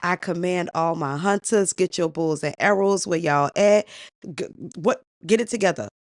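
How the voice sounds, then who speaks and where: A woman's voice: on the low side, normal speed, dry recording, clean studio sound, natural voice. A woman voicing an angry, commanding male king who barks orders at his hunters. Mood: outraged. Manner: outraged, bossy.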